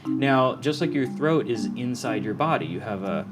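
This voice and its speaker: At normal speed and with lively intonation, a mid-range male voice gives a casual, practical explanation as an audio professional. He keeps it informal, shows rather than tells, and checks that the listener understands, while music plays in the background.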